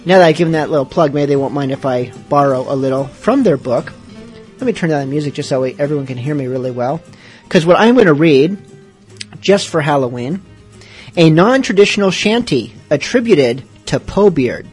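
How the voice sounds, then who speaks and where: A man's voice: a little high, lively intonation, a little fast, darkish tone, faint music behind. A man hosting a podcast, chatting casually with rambling, self-deprecating asides. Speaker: podcast host. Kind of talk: casual radio-show chat.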